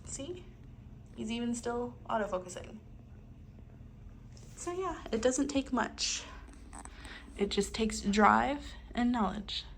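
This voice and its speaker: A woman in her thirties giving a casual, rambling tutorial at home, chatty and quick to laugh. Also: fairly high pitch, expressive, gravelly. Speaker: content creator teaching lighting. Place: home room set. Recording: echoey room, distant mic, faint hiss.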